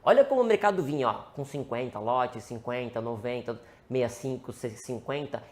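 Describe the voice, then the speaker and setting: A man with a Brazilian Portuguese accent teaching day trading in a live-streamed lesson, asking and answering his own questions and calling out to his viewers. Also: fairly high pitch.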